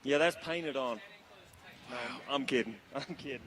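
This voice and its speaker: A man's voice: medium pitch, moderate pace, fairly bright tone. Laid-back, joking race driver man. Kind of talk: casual interview. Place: outdoors at a race finish line.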